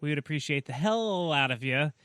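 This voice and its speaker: Casual male co-host, high and bright, self-deprecating, laughs a lot. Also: expressive, a little fast, clear, resonant tone, no room sound, clean studio sound. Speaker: podcast co-host. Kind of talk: casual chat.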